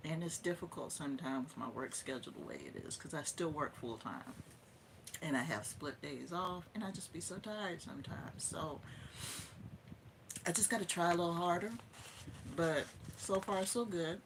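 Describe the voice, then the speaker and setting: A woman's voice: low voice, expressive, moderate pace, creaky, noisy background. A Southern woman in her fifties hosting a casual livestream, emphatic and opinionated, repeating points for stress. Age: 50s. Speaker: livestream host.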